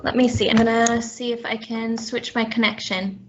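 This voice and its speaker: A woman's voice: fairly high pitch, level tone, moderate pace, background noise. A young woman from Sri Lanka giving a casual, chatty company presentation over a video call, her voice cutting in and out on a bad connection. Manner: friendly, chatty, with frequent ums. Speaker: presenter at a company brown-bag talk. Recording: dull lo-fi video call audio.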